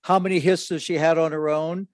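A man's voice: a little high, flat delivery, no echo. Brief: older fatherly co-host, stop-start hesitant delivery, dry close recording. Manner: halting, many fillers and restarts. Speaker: podcast co-host, the other host's father. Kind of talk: casual chat.

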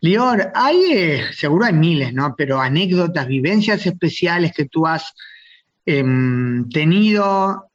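A man's voice: fairly high pitch, expressive, unhurried, lo-fi sound. A man hosting a radio interview, chatting and asking long, framing questions. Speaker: radio host.

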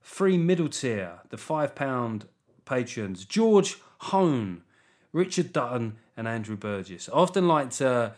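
A man's voice: medium pitch, big pitch swings, slow, a little mellow. A man hosting a solo comic podcast, talking in a sarcastic, rambling, self-mocking way. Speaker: comedian and podcast host.

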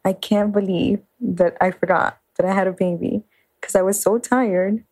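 A mother telling an animated story about being sleep-deprived. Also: medium pitch, moderate pace, no room sound, low-quality recording. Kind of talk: recorded anecdote.

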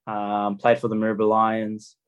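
A man's voice: lowish voice, completely flat delivery, moderate pace, smooth, lo-fi sound. A young man with an Australian accent, a rugby player giving plain, understated answers in a casual interview. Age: young adult.

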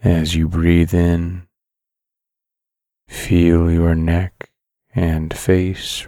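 Deep, very slow male sleep story narrator. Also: vocal fry, no echo, clean studio sound. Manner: calm, soothing, measured delivery with long pauses.

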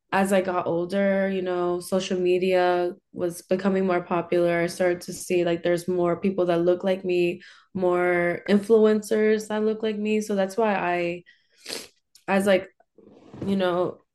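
A woman's voice: on the low side, little pitch movement, measured pace, darkish tone. A young woman guesting on a podcast, talking casually and rambling, with many filler words. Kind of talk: casual interview chat.

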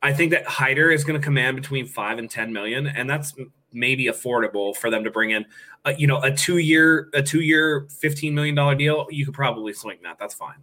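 Male podcast co-host, bright and forceful, analytical casual sports talk. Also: mid-range voice, a little fast. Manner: analytical, repeats phrases while building a point.

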